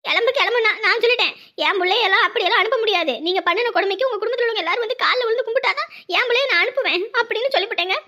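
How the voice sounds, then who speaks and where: A woman's voice: extremely high pitch, racing, pushed and bright. A woman in a scripted family drama, pleading and fearful as a wife and mother, with a Tamil accent.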